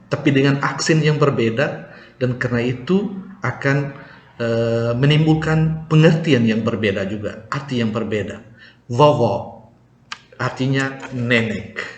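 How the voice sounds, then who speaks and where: A man teaching a language lesson, patiently explaining and slowly repeating example words with clear stress. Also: medium pitch. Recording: echoey room, faint ambient noise.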